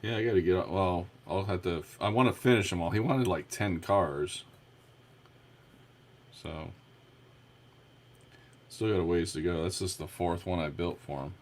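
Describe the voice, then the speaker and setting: A man in a casual chat about model building who gives slow, easygoing replies. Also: sits low. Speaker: co-host.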